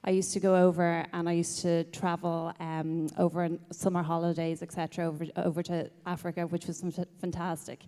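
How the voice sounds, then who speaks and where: A woman's voice: fairly low pitch, flat delivery, brisk, hardly any pauses, warm tone. A woman introducing herself on a conference panel, friendly and slightly hesitant. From Ireland. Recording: long hall reverb.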